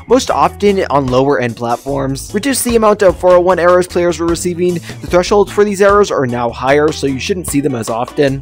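A man hosting a casual gaming news video with playful energy, now and then breaking into sudden shouts. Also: high-pitched.

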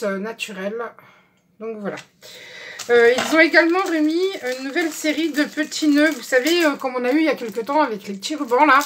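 Woman vlogger, relaxed chatty haul talk, higher voice, faint background hiss. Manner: chatty, many fillers, shows items one by one. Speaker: craft vlogger. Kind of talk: casual haul video. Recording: faint background noise with clicks.

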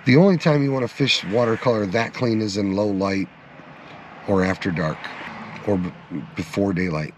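A man's voice: lowish voice, moderate pace, a little hiss or hum. A man hosting an outdoor fishing report, giving tips in a folksy, instructive way and calling his viewers "guys.". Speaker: fishing channel host. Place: outdoors on or by the river.

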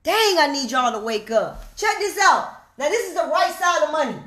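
A woman's voice: high voice, lively intonation, a bit bright. A woman coaching viewers on money in a fired-up rant, emphatic and preachy, repeating her points and calling out to the audience. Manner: emphatic and preachy, repeats lines slowly, calls out "hello?". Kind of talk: fired-up direct-to-camera rant.

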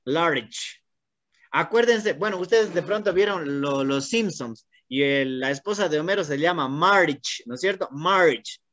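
An English teacher with an Ecuadorian Spanish accent who patiently corrects students and reads English lines slowly, word by word. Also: mid-range voice, animated, a bit bright, dry recording. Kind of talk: online class instruction. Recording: dull, dry, lo-fi.

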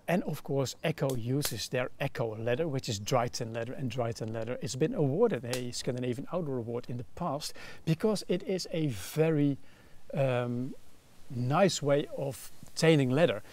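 A man's voice: medium pitch, a little mellow. Dutch-accented man reviewing outdoor gear. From Netherlands. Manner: explains in detail with frequent fillers. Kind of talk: casual product review. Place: outdoor shelter by a campfire.

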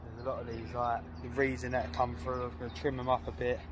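A man, excitedly talking to camera in a casual fishing vlog by a lake. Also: medium pitch, fast talker, slight background noise. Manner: excitable, slangy, chatty. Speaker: fishing vlogger. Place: lakeside outdoors. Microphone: phone camera, handheld or on a tripod.

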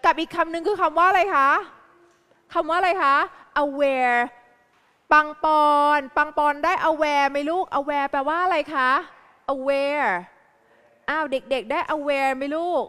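Woman English teacher, live kids' class, quizzing manner, bright tone. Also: sits high, steady tone, takes it slowly, in a large hall. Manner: quizzing pupils with repeated questions.

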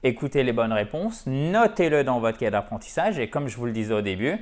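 Animated male teacher with whiteboard. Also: medium pitch, a little fast. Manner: animated, repeats and checks in with "d'accord?" and "ok?"; mixes French with English example phrases. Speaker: English teacher. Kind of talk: French-language English lesson at a whiteboard. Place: classroom-style room with a whiteboard.

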